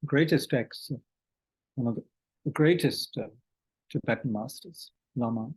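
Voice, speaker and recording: Man, meditation teacher, dharma talk over video call, halting, clears throat often, mid-pitched. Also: a little mellow, poor audio. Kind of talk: dharma talk, reading questions from chat.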